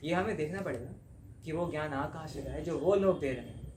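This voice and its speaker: A man's voice: on the high side, animated, a little fast, background noise. A man teaching a devotional class in a conversational way, often checking in with his listeners in front of a live audience. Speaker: spiritual teacher. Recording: roomy hall with faint ambience.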